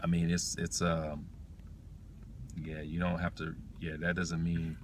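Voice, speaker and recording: Hosting a language-learning livestream, a man chats casually and responds to comments, haltingly circling back to restate his points. His voice is low and monotone, with a slight hiss or hum audible.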